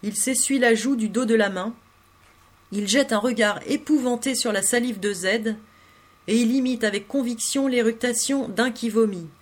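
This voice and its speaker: A woman narrating a literary story in the first person, reading in an intimate, expressive way. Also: a little high, normal speed. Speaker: audiobook reader.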